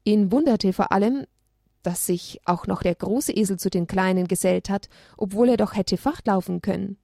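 A woman's voice: medium pitch, moderate pace, gravelly, warm tone, no echo, studio quality. Woman reading a children's story aloud. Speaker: narrator.

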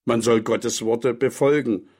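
A man reading aloud, voicing a frail, hoarse old man who keeps coughing and gently lectures children. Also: medium pitch, steady tone. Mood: gentle, earnest. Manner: slow, gentle, preaching to children.

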